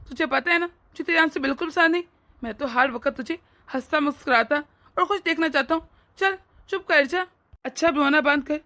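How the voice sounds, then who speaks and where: Woman playing the husband in a cartoon, highish bright voice, sweet to the wife, cold and bossy with his parents. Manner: firm, dismissive, coaxing. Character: young husband, doting to wife, harsh to parents. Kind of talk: animated family drama dub.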